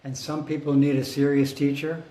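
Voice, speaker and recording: An older man, a Zen teacher, answering questions in brief, soft-spoken, wry remarks. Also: fairly high pitch, level tone, moderate pace, echoey room. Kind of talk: casual Q&A reply.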